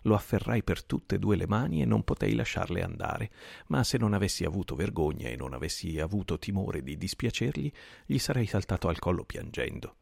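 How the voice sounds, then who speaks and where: A man reading a classic novel aloud as an audiobook narrator, in a measured, unhurried way. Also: low-pitched, expressive, creaky, a little mellow, slightly rough, no room sound, studio quality. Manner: measured, unhurried reading with small self-corrections. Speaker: audiobook reader.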